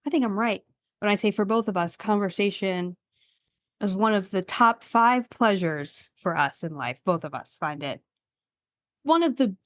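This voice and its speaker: A woman co-hosting a podcast in an easygoing chat, animated and full of laughter, slipping into teasing asides. Her voice sits at an everyday middle pitch. The sound is dry and close, with no room around it. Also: normal speed, dry recording. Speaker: podcast co-host. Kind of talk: casual chat.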